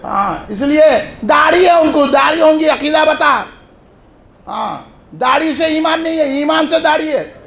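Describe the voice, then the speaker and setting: Preacher man, real high gravelly voice, shouts his refrains in an echoey mosque hall. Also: animated. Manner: chanting repeated phrases, shouting refrains. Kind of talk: fiery religious speech.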